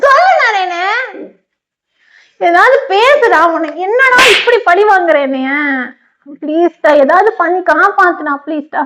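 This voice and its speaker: Tamil wife in a couple vlog, very high voice, frantic, pleading, close to tears. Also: female voice, lively intonation, measured pace, a bit bright, slight background noise. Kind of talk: casual couple banter.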